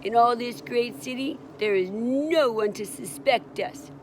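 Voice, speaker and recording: A woman's voice: on the high side, unhurried, slight background noise, pitched above the performer's own voice, lightly acted. A woman reading aloud voices a blustering male art thief who turns quivery and nervous.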